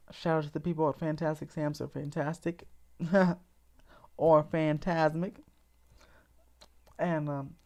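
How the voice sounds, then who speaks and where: A woman with a notably deep voice hosts a relaxed theme park livestream. She talks in an eager, rambling way, restarting her sentences and laughing softly. She sounds a little sleepy. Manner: chatty and enthusiastic, frequent restarts and small laughs. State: sleepy, yawning. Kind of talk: casual livestream chat.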